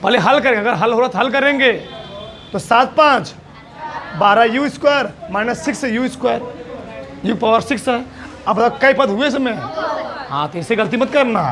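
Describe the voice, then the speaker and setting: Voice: mid-range voice, moderate pace, pauses often, fairly bright tone. A teacher giving a classroom maths lesson, asking the students question after question in a coaxing, teasing way.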